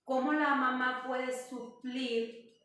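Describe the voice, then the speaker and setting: A woman's voice: high voice, steady tone, slow, sharp tone, slight background noise. A woman interviewer asking questions in a conversational manner. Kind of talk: interview talk. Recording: echoey room from far off.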